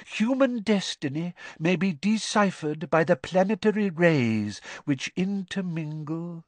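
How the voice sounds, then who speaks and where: A man voicing a mournful, misty-voiced female fortune-teller teacher who speaks slowly and theatrically, in a storybook reading. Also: sits high, expressive, no echo, pitched above the performer's own voice. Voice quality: misty, drawn-out.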